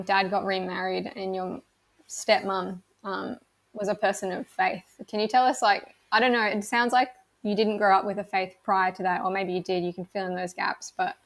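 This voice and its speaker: A woman co-hosting an interview, asking gentle, open-ended questions. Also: mid-range voice. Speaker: interview co-host. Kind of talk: conversational interview.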